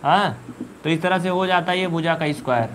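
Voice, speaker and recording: A man's voice: fairly high pitch, fairly quick, a bit bright, slight background noise. A man teaching a live online maths class, repeating questions and scolding his students. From India.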